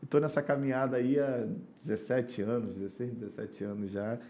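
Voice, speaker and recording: A man's voice: medium pitch, level tone, fairly quick, warm tone. A man, a pastor, telling his conversion story on a podcast in an earnest, preacherly way. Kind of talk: podcast testimony.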